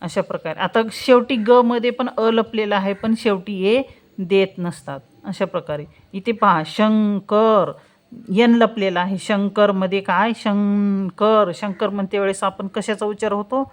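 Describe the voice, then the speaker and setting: A woman teaching spelling step by step, saying example words slowly and answering her own questions. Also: mid-range voice. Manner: slow, drawn-out pronunciation of example words, asks questions and answers them herself. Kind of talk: spelling lesson, explaining step by step.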